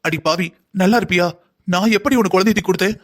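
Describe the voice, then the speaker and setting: A voice actor playing an agitated elder sister in a cartoon, scolding and confronting. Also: female voice, medium pitch, quick pace, natural voice. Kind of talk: cartoon voice acting.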